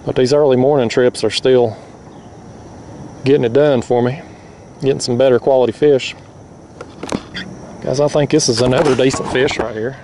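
A young man, talking excitedly and laughing often while he fishes from a kayak on a river, recorded on a mounted action camera. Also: medium pitch, normal speed, pauses often, background noise. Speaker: fishing vlogger. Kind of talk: casual outdoor fishing commentary.

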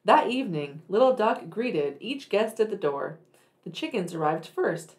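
A woman reads a children's picture book aloud for young listeners, using emphatic, dramatic phrasing. Her mid-range voice has a sing-song quality, and she keeps a measured pace.

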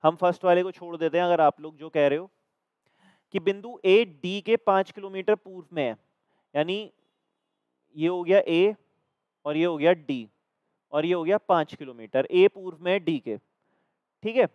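High, smooth-voiced Hindi-accented teacher. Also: male voice, normal speed, pauses often, no room sound. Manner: explains step by step, checks with the class. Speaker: reasoning teacher. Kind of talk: classroom lecture solving exam questions. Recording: dry, slightly dull recording.

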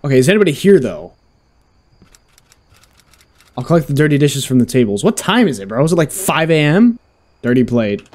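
A man's voice: medium pitch, sing-song, a little fast, long pauses, a little mellow. A man doing casual gameplay commentary, with loose, joking reactions, plenty of slang and cursing. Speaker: gaming content creator.

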